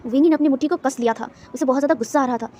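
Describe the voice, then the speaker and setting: Woman narrator, fan fiction story, emotive, repetitive, quick, slightly high voice. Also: darkish tone, a little hiss or hum.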